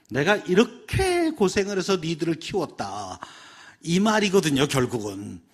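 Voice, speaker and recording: A middle-aged man giving a parenting seminar lecture in an animated way, acting out examples in different voices. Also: medium pitch, husky.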